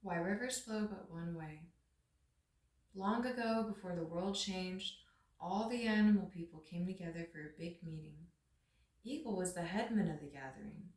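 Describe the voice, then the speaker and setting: A woman with a lowish, somewhat dark voice gives a dramatic storybook reading aloud. She's recorded at some distance from the microphone in a room with a roomy echo.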